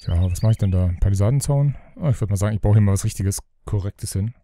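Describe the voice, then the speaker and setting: A man with a lowish, mellow voice talks fast while hosting a let's play, chatting casually in gaming commentary. As he builds, he rambles, grumbles to himself, and mutters asides.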